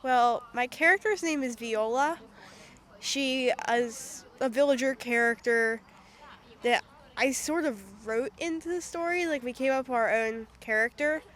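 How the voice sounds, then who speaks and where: A woman from a theatre cast explains her role plainly, her voice slightly high. She is recorded outdoors on a stage. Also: a little slow, fairly bright tone. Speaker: cast member. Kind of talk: casual interview answers.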